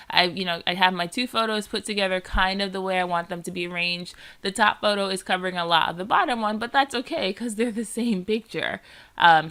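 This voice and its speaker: With a sharp, mid-range voice thickened by a cold, a scrapbooking vlogger talks through her work in a loose, chatty way. Her speech is full of "like" and "um" as she rambles.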